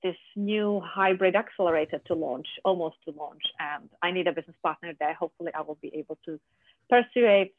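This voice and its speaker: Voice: medium pitch, dry recording. Czech-accented guest on a tinny phone line. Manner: halting, many fillers and restarts, quick bursts. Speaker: podcast guest, business founder. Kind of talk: conversational interview.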